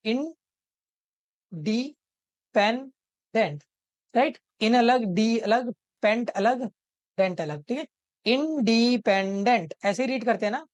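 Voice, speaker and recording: A man's voice: very high-pitched, no echo, studio quality. A man teaching an exam-prep video lesson, explaining step by step and checking in with the viewer after almost every phrase. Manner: explains step by step and repeats words slowly, breaking them into parts. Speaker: tutor.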